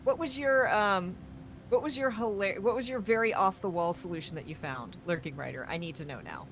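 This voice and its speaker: A woman's voice: medium pitch, a little fast, background noise. A woman hosting a co-op game stream, chatting casually and thanking viewers in an upbeat way. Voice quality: chatty, upbeat sign-offs. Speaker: streamer and host.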